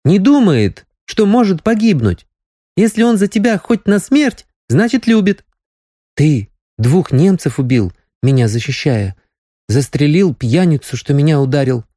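A man's voice: on the high side, big pitch swings, unhurried, warm tone, no echo, studio quality, voice pushed up. A man voicing a teasing, lovestruck young village woman in a raised, girlish, pleading voice. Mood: earnest, teasing.

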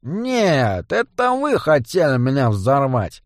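A man's voice: mid-range voice, wildly swooping pitch, slow pace, no echo, clean studio sound, exaggerated voice. A man voicing a nasal, swaggering male goblin smuggler in an audiobook, brash and mocking.

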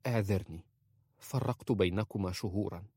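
A man voicing a passionate, remorseful young princess who speaks softly and pleads. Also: sits low, normal speed, husky, no echo, clean studio sound. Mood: pleading. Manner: pleading, soft-spoken.

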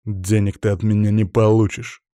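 A man's voice: medium pitch, expressive, moderate pace, mellow, dry recording, studio quality, close to an everyday voice. A man voicing a cynical, irritable middle-aged head of an aristocratic clan, who speaks in clipped, scornful retorts.

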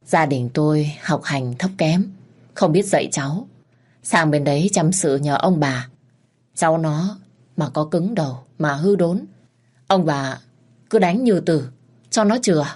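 A woman's voice: low-pitched, animated, a little slow, darkish tone, husky, exaggerated voice. A woman voicing a stern, poor old peasant father who scolds his daughter. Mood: pleading.

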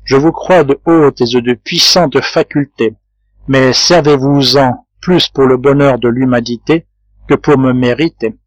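A man narrating a classic novel as an audiobook, in a measured, even literary reading. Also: medium pitch, no echo. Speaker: audiobook reader. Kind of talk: scripted narration.

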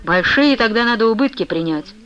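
Give me a grudging, evasive young man, as a woman reads him in an audiobook, fairly high voice. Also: lively intonation, fairly quick, fairly bright tone, muffled recording. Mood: grumbling. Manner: cold, grudging, muttering. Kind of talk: audiobook character reading.

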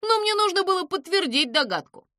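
A woman voicing a clever, self-assured male cat who explains things in a measured, pleased way. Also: very high voice, sing-song, sharp tone, no room sound, studio quality, voice pushed up, full character voice. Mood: calm, knowing.

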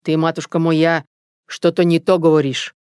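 Reader doing an older village dad, stammery and stunned, slow low-key audiobook voice, dry sound. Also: level tone, darkish tone, clear, resonant tone, dry recording, close to an everyday voice. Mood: stubborn.

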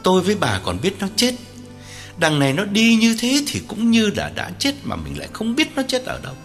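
A man's voice: sits high, wildly swooping pitch, fairly quick, a bit bright, faint music behind, voice pushed up, full character voice. A man voicing a bitter, despairing father who laments in rising tones.

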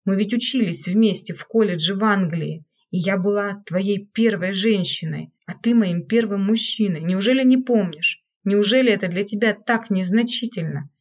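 A woman's voice: mid-range voice, normal speed, hardly any pauses, close to an everyday voice. A woman reading an audiobook, voicing a hysterical, jealous woman servant who speaks in a bitter, accusing way. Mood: desperate. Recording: dull lo-fi recording.

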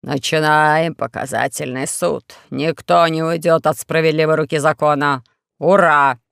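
A reader voicing a gruff, bossy troll herald who barks officious announcements in an audiobook. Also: mid-range voice, fairly even intonation, a little slow, fairly bright tone, no echo, clean studio sound, pitched below the performer's own voice.

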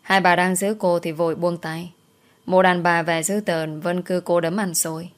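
A woman with a slightly low voice narrates a dramatic story. Steady and even storytelling pace. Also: normal speed.

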